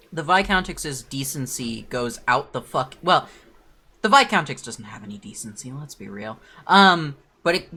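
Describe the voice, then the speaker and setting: Lively, bright casual streamer. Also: mid-range voice. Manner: rambling, distracted, swears casually. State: eating while talking. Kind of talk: casual livestream chat.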